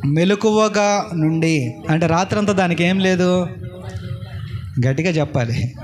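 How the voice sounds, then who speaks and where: A man's voice: high voice, a little slow, a little hiss or hum. A male pastor preaching a sermon in an emphatic storytelling manner, full of rhetorical questions.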